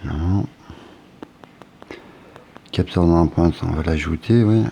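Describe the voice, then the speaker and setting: A very deep-voiced man talks slowly through an unboxing, with a gravelly fry to his voice. He thinks aloud, pausing on fillers, over a faint background hiss. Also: dark tone. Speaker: tech unboxing vlogger. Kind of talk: casual unboxing commentary.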